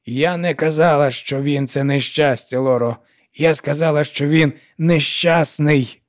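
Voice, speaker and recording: A man's voice: fairly high pitch, measured pace, voice pushed up, lightly acted. A man voicing an older woman who scolds and mothers a troubled girl in an audiobook. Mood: stern. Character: older woman, stern yet kindly widow.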